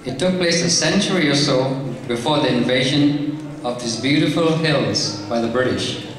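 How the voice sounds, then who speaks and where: A man narrating a folk tale slowly and steadily as the storyteller of a live skit. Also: medium pitch. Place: large hall. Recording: echoey hall, from far off.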